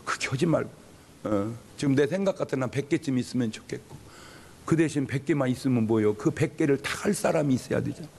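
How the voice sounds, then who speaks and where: A man preaching a sermon as a pastor, humorous and animated, calling out to his congregation in a church sanctuary. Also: mid-range voice, fast, creaky. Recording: long reverb of a large church hall.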